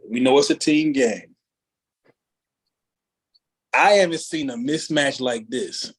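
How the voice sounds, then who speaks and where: A man's voice: mid-range voice, a bit bright, slightly rough, poor audio. A man hosting a casual basketball podcast chat, talking in a loose, conversational way and drawing out his phrases. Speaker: podcast host.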